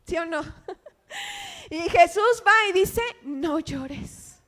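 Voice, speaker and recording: A woman's voice: very high-pitched, huge pitch swings, takes it slowly, fairly bright tone. A woman preaching an impassioned sermon in a church, often calling the congregation "brother" and asking them rhetorical questions. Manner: impassioned, keeps addressing the congregation as "hermano"; asks the listeners rhetorical questions.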